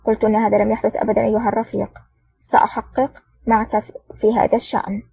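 A woman's voice: on the high side, flat delivery, quick pace, vocal fry, mellow, slightly rough, no room sound, recorded from a distance, exaggerated voice. A woman reading a stern male general. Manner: commanding, curt. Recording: dull lo-fi audio.

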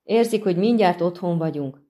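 A woman's voice: fairly low pitch, lightly acted. A woman voicing a chatty folksy peasant man. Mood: earnest. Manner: folksy, animated, respectful to his master. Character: chatty grateful middle-aged peasant man. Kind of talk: audiobook reading.

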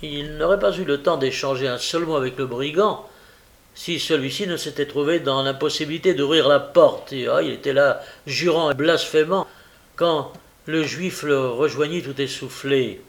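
A man reading a novel aloud in a steady, measured way. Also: on the high side. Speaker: audiobook reader. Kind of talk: audiobook narration.

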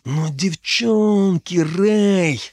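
Man voicing a loud, mocking teenage boy. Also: fairly high pitch, sing-song, a little fast, dry recording, clean studio sound, voice pushed up. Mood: mocking, rowdy. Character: brash, crude teenage boy at a magic academy. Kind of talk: audiobook character voice.

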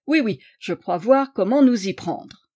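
A woman's voice: on the high side, expressive, a little slow, warm tone. A woman voicing Sherlock Holmes as a shrewd, playful male detective in an audiobook, courteous and wry. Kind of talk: audiobook character reading.

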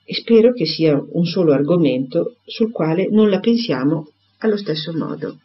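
A man reading aloud and voicing a grave, firm gentleman who delivers serious news steadily. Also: on the high side, animated, normal speed, breathy edge. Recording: dull lo-fi recording.

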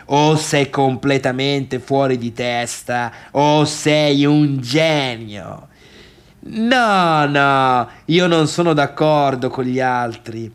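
In a theatrical monologue in colloquial Italian, an actor plays a mocking, agitated, self-deluded misfit recalling a wild party. His mid-range voice sounds clean and natural, and he speaks slowly and insistently in a conversational, emphatic way, repeating himself and adding chuckling asides.

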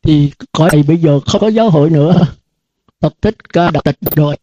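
A man's voice: on the high side, fairly quick, mellow, no room sound. An older man, a Buddhist monk, giving a dharma talk to students in an earnest, repetitive cadence full of rhetorical questions. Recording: dull lo-fi dry recording.

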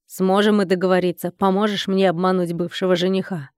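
A woman's voice: lowish voice, flat delivery, fairly quick, a little mellow, no room sound, studio quality, lightly acted. Woman reading a cool scheming man. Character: calm, self-assured scheming dark-haired man. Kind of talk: audiobook character reading.

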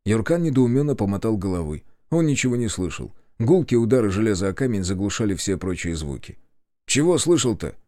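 A man narrating a horror audiobook in an expressive, suspenseful manner. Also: lowish voice, quick pace, hardly any pauses, dry recording, clean studio sound.

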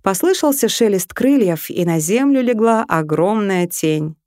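A woman narrating a humorous fantasy story in a lively, playful way. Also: medium pitch, unhurried, no echo, clean studio sound.

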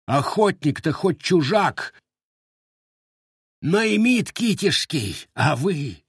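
A man voicing a greedy, foolish peasant who rants in a shrill, sobbing, self-pitying voice. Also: sing-song, drawn-out words, breathy edge, dry recording, studio quality, full character voice. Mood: wailing.

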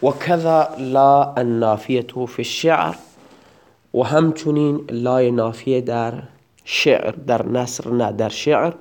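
A man's voice: medium pitch, darkish tone. A man teaching a recorded grammar lesson, explaining each word in turn and sometimes reciting verse in a chanting lilt.

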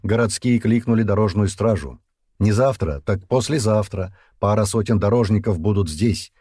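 A man's voice: on the low side, dark tone, slightly rough, no echo, studio quality. A man voicing a nervous, agitated male merchant who talks in an urgent hiss, in an audiobook. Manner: hurried, agitated, hissing.

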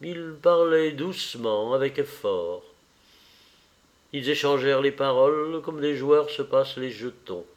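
A man reading a classic novel aloud as an audiobook narrator, measured and deliberate. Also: mid-range voice. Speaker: audiobook reader. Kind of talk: slow literary narration.

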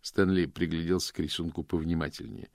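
A man narrating an audiobook in a measured, low-voiced manner. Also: level tone, no echo, clean studio sound. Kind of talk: scripted narration.

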